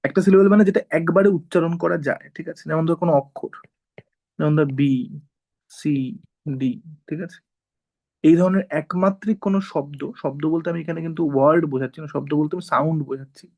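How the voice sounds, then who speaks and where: A man teaching an informal class, walking students through each point and pausing to check they follow. His voice is gravelly with a fry, and it sits a little above the usual male pitch. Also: a little mellow, rough recording. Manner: explains step by step, often checks with "ঠিক আছে?".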